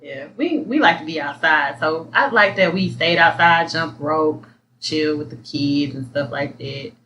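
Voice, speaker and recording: A woman's voice: deep voice, unhurried, fairly bright tone, a little hiss or hum. A woman co-hosting a podcast in casual chat, blunt and profane, laughing as she tells stories. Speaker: podcast co-host.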